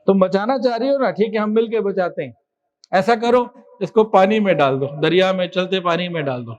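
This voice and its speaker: A man preaching a sermon with passion, moving between soft explanation and loud emphasis. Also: sits high, dull audio. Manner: impassioned, swings from soft to loud with chanted Quran recitation.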